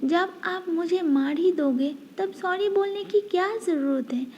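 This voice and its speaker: A woman's voice: extremely high pitch, a little slow, muffled recording. Woman voicing a hurt, accusing young man. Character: frightened, hurt young man, tearful and bitter.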